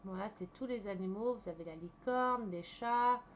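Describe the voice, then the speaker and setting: A mid-range female voice belongs to a vlogger casually unboxing a purchase at home and walking through its screen. Excited and talkative, she hesitates often while hunting for words, and the recording is a bit muffled with faint background noise.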